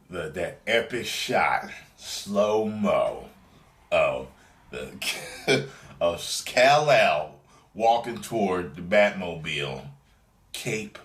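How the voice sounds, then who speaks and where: A man's voice: extremely low pitch, reverberant. A man giving a casual, profane, rambling review of a movie trailer, acting out scenes as he goes. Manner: animated, rambling, acts out scenes in voices.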